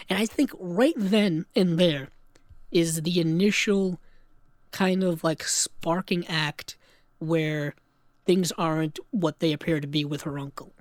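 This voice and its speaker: A man co-hosting a casual film podcast, retelling scenes with lively put-on voices. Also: on the high side, dry recording, studio quality. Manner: animated, acts out scenes in quick put-on voices. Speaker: podcast co-host.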